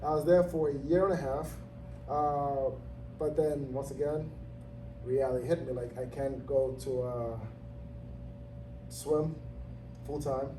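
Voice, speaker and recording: A man in his thirties from Zambia talks through his story as an interviewee, relaxed and easygoing, with plenty of fillers and quick laughs. He sits a little off the mic in a roomy space. A steady ambient noise runs behind him. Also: mid-range voice. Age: 30s. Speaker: interviewee, gym owner. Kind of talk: casual interview. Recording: roomy, distant, noisy ambience.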